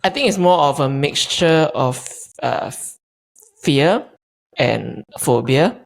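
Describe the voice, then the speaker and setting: A man's voice: a little high, very animated, takes it slowly, gravelly. A man explaining things as co-host of a casual podcast, with some hesitation.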